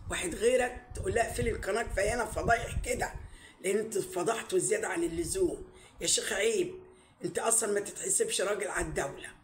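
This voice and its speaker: A woman's voice: mid-range voice, reverberant. A woman with an Egyptian Arabic accent giving a ranting online commentary, scolding and indignant and firing off rhetorical questions. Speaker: YouTube commentator.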